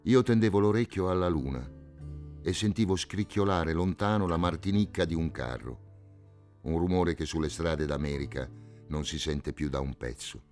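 Male literary audiobook narrator, very low voice, measured pacing, quiet falling phrase ends. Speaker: narrator reading a novel.

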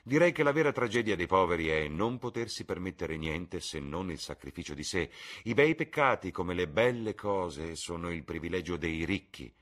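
A man's voice: low voice, expressive, moderate pace, a bit bright, pitched above the performer's own voice. A man doing a languid, ironic aristocrat. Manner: ironic, epigrammatic.

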